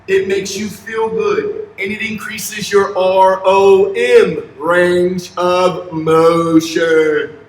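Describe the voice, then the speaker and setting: A man's voice: high-pitched, flat delivery, very slow. A young man, a gym teacher, giving children upbeat, encouraging exercise instructions in short simple directions. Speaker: elementary physical education teacher. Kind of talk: instructional fitness demonstration for children. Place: large empty indoor school gymnasium. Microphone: camera a few steps away. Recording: echoey gym, distant camera mic.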